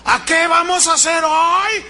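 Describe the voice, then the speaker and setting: A man voicing a male sales motivator who shouts to pump up his staff. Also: extremely high pitch, fairly even intonation, measured pace, voice pushed up, heavily acted. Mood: hyped. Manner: shouting, pumping up a crowd.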